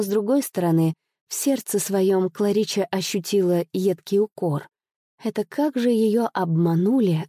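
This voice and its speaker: A woman reading a novel aloud as the narrator, with an even storytelling delivery. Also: mid-range voice, no room sound, studio quality. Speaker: audiobook reader. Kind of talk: scripted narration.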